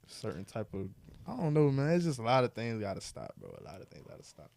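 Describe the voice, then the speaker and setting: A podcast co-host in his twenties talks casually and reflectively, rambling, halting, restarting, filling gaps, and saying "bro." His mid-range voice swings hugely in pitch, with vocal fry and a slightly mellow tone, and there's no room sound.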